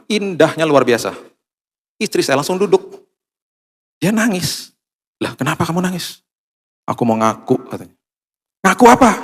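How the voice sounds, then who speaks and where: A man preaching a sermon as a pastor, telling a personal story and acting out the voices of the people in it. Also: medium pitch. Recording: long hall reverb.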